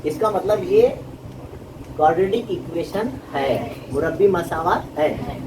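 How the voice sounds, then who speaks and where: A man's voice: fairly high pitch, lively intonation, takes it slowly, far from the mic. Male math teacher, patient and questioning, off-mic, traffic noise behind. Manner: explains patiently, often asking the class questions. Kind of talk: classroom lesson.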